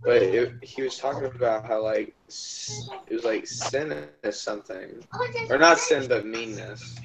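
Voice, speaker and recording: A man's voice: mid-range voice, unhurried, low-quality recording. Rambling teen guy, chatter behind. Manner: rambling, filler-heavy. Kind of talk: casual video-call book discussion. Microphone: laptop on a video call.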